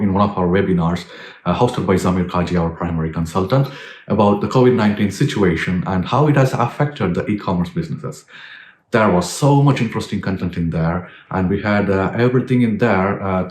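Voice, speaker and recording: A man with a very low voice hosts an introduction to a webinar clip. He speaks haltingly, with many fillers. His voice sounds re-recorded through a speaker, with a roomy echo around it. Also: a little mellow, a little hiss or hum. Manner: hesitant, with frequent filler sounds. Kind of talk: unscripted spoken introduction.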